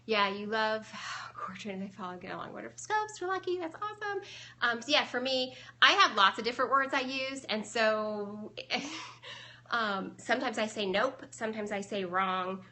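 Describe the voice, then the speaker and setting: A young adult woman with a bright, forward voice, talking through her training methods in a loose, chatty way. She explains things step by step, with plenty of ums along the way, as she answers viewers live. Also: fairly high pitch, animated, moderate pace. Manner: chatty, explanatory, many fillers. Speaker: dog trainer.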